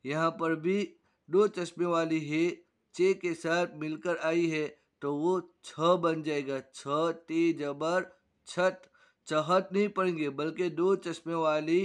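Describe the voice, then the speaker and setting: Male teacher, fairly high voice, slow and drilling, repeats every word. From Gujarat, India. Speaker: Urdu teacher. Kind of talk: reading-primer lesson.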